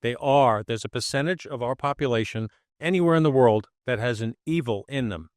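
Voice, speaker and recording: A man, a podcast host and former investigator, speaking in a measured, authoritative and wry way at a live show. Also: mid-range voice, no room sound, studio quality. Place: pizzeria before live audience.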